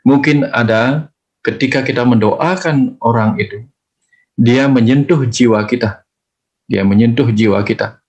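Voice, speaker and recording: A man answering questions as a spiritual teacher, speaking in a calm, measured way and explaining with parables. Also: medium pitch, lo-fi sound. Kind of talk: calm reflective teaching talk.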